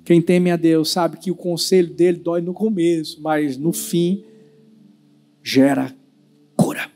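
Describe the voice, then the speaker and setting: A male pastor preaching a sermon with a notably high voice. He tells stories in a lively, animated way and holds dramatic pauses for effect. Soft music runs faintly behind him.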